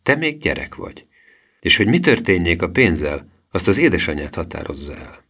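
Man doing a firm no-nonsense uncle, deep voice, storybook reading. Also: big pitch swings, pushed and bright, slightly rough, heavily acted. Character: firm middle-aged uncle.

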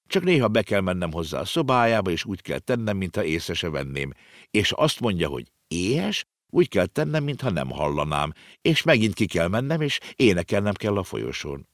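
A man's voice: no echo, studio quality. A man voicing an earnest, know-it-all little girl in an audiobook reading. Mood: sorrowful. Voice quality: high, lively, explaining.

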